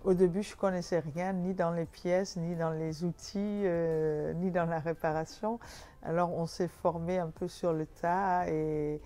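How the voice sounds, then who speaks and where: Dutch lady in her 50s, lowish warm voice, lots of euh and restarts. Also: steady tone, measured pace, soft background music. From Netherlands. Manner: hesitant, many fillers and restarts. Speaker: bike shop owner. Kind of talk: interview answers.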